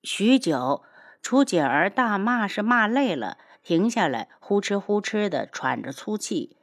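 A woman narrating a novel aloud in an expressive storytelling manner. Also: medium pitch, a little slow. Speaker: audiobook narrator.

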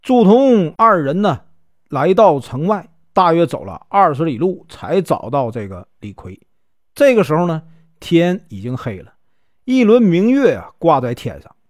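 Lively Northeastern-accented male storyteller. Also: fairly high pitch, measured pace, no room sound, studio quality. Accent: Northeastern Mandarin. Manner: folksy, filler-laden telling. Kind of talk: casual storytelling narration.

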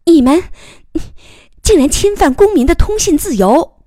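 A woman voicing a feisty, sharp-tongued young woman journalist who fires back in rapid retorts. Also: on the low side, big pitch swings, no echo, clean studio sound. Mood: furious.

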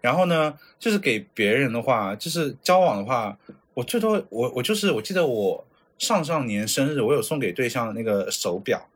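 A man from China who lives in Japan co-hosts a casual podcast chat, his husky, mid-range voice moving at a moderate pace. He's a lively storyteller, telling tales with lots of energy and mimicking the voices of the other people in them.

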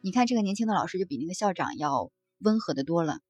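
A woman with a low, husky voice reads passages from a book aloud and shares her reflections. She talks gently and conversationally, pausing on soft fillers between thoughts. Faint music plays underneath her. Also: lively intonation. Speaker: book-sharing presenter.

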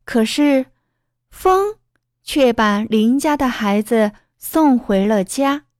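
Slow, lively woman reading a bedtime story. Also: on the high side, no room sound, studio quality. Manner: gentle, addressing a child as "baby".

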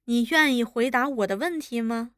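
A woman voicing a scheming, cruel male officer who mocks and threatens, barking orders loudly. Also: a little high, moderate pace, no room sound, clean studio sound, natural voice. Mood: menacing. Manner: mocking, threatening, loud barked orders.

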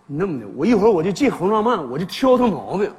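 A man's voice: sits high, fast. A man, performing sketch comedy in a teasing, laughing manner. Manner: animated, teasing, often laughing. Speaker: comic actor playing a father. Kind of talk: northeastern Chinese sketch comedy. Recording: live stage, hall reverb, audience.

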